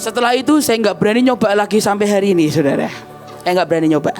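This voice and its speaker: A woman pastor preaching a sermon as animated storytelling, often calling her listeners "saudara" and swinging between loud outbursts and quiet, somber stretches. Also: mid-range voice, rapid-fire, soft background music. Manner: bursts into shouts and laughs, then drops quiet and somber.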